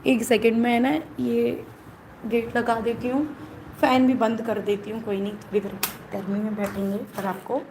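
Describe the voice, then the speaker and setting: A woman's voice: fairly high pitch, little pitch movement, moderate pace, background noise. A woman vlogger chatting directly to her viewers from a room at home. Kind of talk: casual vlog talk to viewers.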